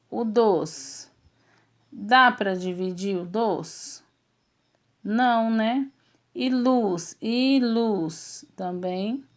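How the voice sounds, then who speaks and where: A woman teacher with a Brazilian Portuguese accent, patiently walking pupils step by step through a textbook exercise and checking in with them often. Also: mid-range voice. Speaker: schoolteacher. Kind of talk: recorded remote lesson going through a textbook.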